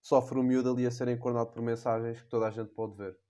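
A man's voice: medium pitch, little pitch movement, quick pace, warm tone. A young man with a European Portuguese accent, hosting a comedic podcast monologue in a rambling, slangy, crude way. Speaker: podcast host.

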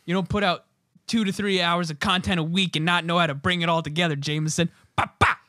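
A man's voice: a little high, fairly even intonation, quick pace, sharp tone. A young man co-hosting a podcast, riffing in hyped, jokey casual banter. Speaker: podcast co-host.

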